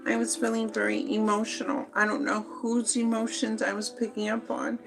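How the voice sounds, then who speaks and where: A woman giving a slow, meandering spoken tarot reading, with many fillers and pauses. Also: a little high, level tone, creaky, music in the background, poor audio. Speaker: tarot reader.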